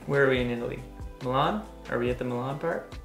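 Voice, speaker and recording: A man's voice: medium pitch, quick pace, gravelly, soft background music. A man co-hosting a casual home video, telling a story in a chatty, detail-heavy way. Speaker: co-host. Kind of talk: casual chat. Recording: echoey room.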